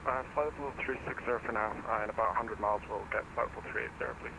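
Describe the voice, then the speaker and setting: A man with a gravelly, fairly low voice talks quickly over a pilot headset as a pilot on aircraft radio. The transmission is clearly noisy. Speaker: pilot on air traffic radio. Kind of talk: radio readback.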